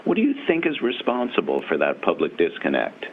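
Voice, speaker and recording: Man, interviewer, space-to-ground radio link, thin phone-like sound, measured questions, very low voice. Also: huge pitch swings, slight background noise. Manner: measured, clearly framed questions. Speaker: magazine interviewer.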